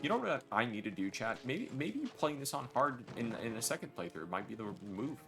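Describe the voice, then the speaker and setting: A man's voice: mid-range voice, very animated, brisk, music in the background. A man streaming a game, chatting casually and jokingly to his viewers. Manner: chatty, addresses chat directly, jokey.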